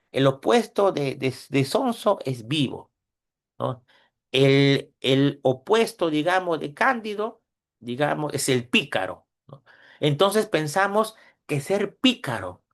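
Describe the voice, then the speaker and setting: A middle-aged Peruvian man giving a conversational university lecture, often tagging his points with questions to his students. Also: fairly high pitch. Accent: Peruvian Spanish. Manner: conversational, frequent tag questions; retells anecdotes with quoted voices. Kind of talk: classroom lecture.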